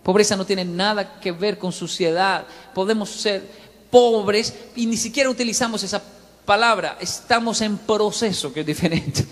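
Male preacher, lively storyteller who plays every character, long reverb of a large hall. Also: sits high, normal speed. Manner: animated, voices the story's characters, calls audience to repeat. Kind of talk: sermon with acted-out story.

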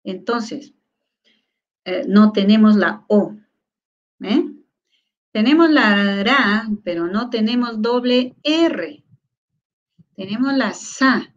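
A woman teaching a lecture on Quechua, sounding out syllables slowly and often stopping to ask whether her listeners follow. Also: mid-range voice, animated, lo-fi sound. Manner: asks many rhetorical check questions. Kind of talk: online lecture.

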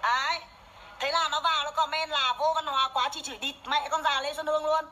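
A woman's voice: sits high, steady tone, fairly quick, bright, forceful tone, slight background noise, low-quality recording. A woman, ranting furiously and swearing nonstop during a makeup livestream on her phone. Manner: foul-mouthed, furious, scolding. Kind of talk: angry livestream rant. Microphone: phone camera during makeup livestream.

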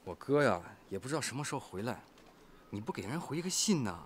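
An actor playing a gentle young man talking quietly with his mother. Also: mid-range voice, sing-song, fast, slight background noise, lightly acted. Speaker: son. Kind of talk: TV drama acting.

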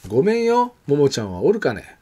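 A man voicing a grumpy, scolding old grandfather with gruff old-fashioned speech, reading a picture book aloud. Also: fairly high pitch, huge pitch swings, quick pace, dark tone, a little hiss or hum.

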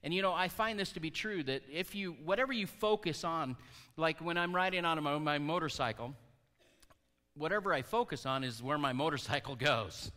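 Male pastor, conversational sermon delivery, bright tone, long church reverb. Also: fairly high pitch, moderate pace. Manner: conversational, asks the congregation questions. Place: church hall.

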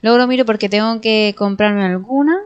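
A young woman with a Spain Spanish accent commentating her own gameplay, excitable, swearing and talking to herself as she plays. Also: medium pitch, fairly quick, clear, resonant tone, highs cut off. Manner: excitable, swears and talks to herself while playing. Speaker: gaming streamer.

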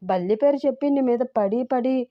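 A woman's voice: fairly high pitch, normal speed, dry recording, highs cut off, pitched above the performer's own voice, natural voice. A woman voicing a naive, clingy young woman who pleads and whines tearfully in a storybook reading. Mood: anxious.

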